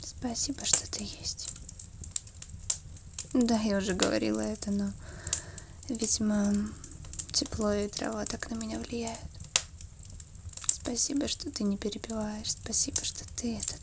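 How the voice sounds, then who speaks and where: A woman in an ASMR role-play as an affectionate, wistful girlfriend, murmuring slowly and intimately between a soft voice and a soft voice. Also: mid-range voice, little pitch movement, vocal fry, noisy background.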